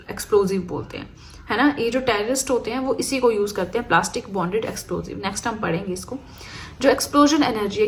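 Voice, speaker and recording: A woman's voice: a little high, slight background noise. A woman teaching an exam-prep chemistry lecture, explaining step by step and checking in with her students.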